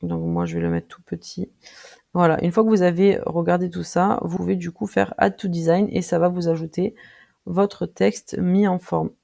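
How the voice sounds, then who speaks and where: A presenter walking viewers through a design tool in a casual screen-recorded tutorial, speaking directly to them and pausing often with filler sounds while clicking. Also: medium pitch, animated, vocal fry, dark tone. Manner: friendly, addresses viewers directly.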